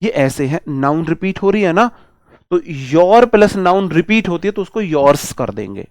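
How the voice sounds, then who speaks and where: A male teacher lectures on English grammar, stretching out his examples and quizzing his students along the way. His voice sits a little high and he talks at a slow, deliberate pace. The sound is dry and close, with almost no room echo. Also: big pitch swings, a little mellow. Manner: drawn-out slow examples, rhetorical questions to students. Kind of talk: classroom lecture in Hindi on exam English.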